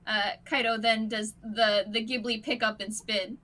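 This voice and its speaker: Tabletop player: high-voiced woman, bright, halting narration. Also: flat delivery. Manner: halting, filler-heavy storytelling.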